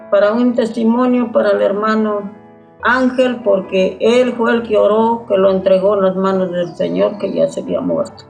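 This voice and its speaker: A woman's voice: medium pitch, creaky, a little mellow, poor audio. An older woman with a Mexican Spanish accent, telling her story in a plain way and often calling her listeners brother. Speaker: church member giving testimony. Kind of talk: spoken testimony.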